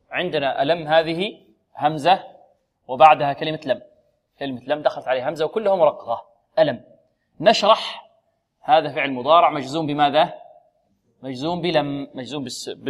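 A middle-aged man teaching Quran recitation, patiently asking his students questions and drilling letter sounds for them to repeat. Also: a little high. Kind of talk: tajweed lesson with call-and-repeat drills.

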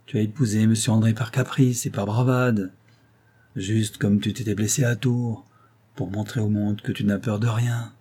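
A man voicing an aging, loyal female servant with a cracked, tired voice, speaking slowly with halting pauses. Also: medium pitch, warm tone, slightly rough, voice pushed up, natural voice.

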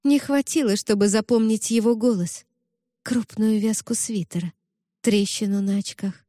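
A woman reading a novel aloud with an expressive, emotional delivery. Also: medium pitch, moderate pace, no echo, studio quality. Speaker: narrator. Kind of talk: audiobook narration.

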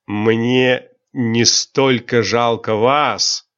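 A man's voice: mid-range voice, steady tone, drawn-out words, fairly bright tone, smooth. A man voicing an old former minister and court intriguer, arrogant and grudgingly polite, in a slightly dull recording. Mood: haughty.

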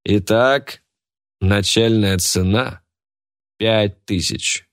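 A man's voice: fairly low pitch, clean tone, no echo, clean studio sound. A man voicing a smug, greedy male auctioneer who draws out his announcements. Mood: gloating. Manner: drawn-out, gloating announcing.

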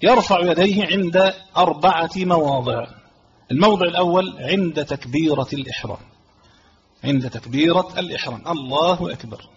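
A man with an Egyptian accent teaching a religious lesson as a sheikh, reading a line of the text and then explaining it slowly, repeating key phrases. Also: fairly high pitch. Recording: slightly dull audio with faint background noise.

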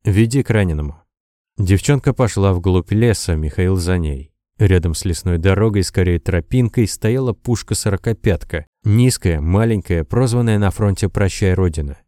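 A man narrates an audiobook in a steady, even storytelling voice. His tone is low and dark, and the recording is dry, with no room sound. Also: moderate pace, few pauses, dry recording. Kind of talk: scripted narration.

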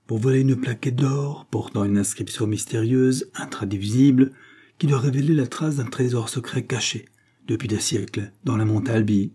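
A man's voice: mid-range voice, moderate pace, warm tone, slightly rough, natural voice. A man reading the lines of a shrewd, grave middle-aged detective chief who reasons with insistence. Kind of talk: scripted narration.

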